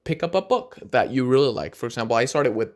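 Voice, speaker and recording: A young vlogger from Argentina, Spanish being his first language, talks earnestly to camera with encouraging advice, occasionally slow and emphatic. His medium-pitched voice is animated.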